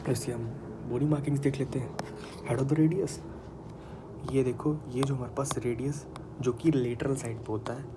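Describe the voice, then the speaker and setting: Tutor w a sore throat, chatty casual lecture, keeps repeating terms, bit of faint noise behind. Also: mid-range voice. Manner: chatty, addresses students as friends, repeats terms. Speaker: medical anatomy tutor.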